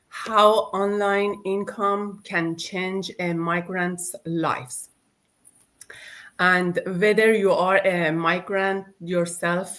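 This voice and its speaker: A middle-aged woman hosting a live online talk show over a video call, speaking slowly with many ums and uhs. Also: lowish voice, fairly bright tone. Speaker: host.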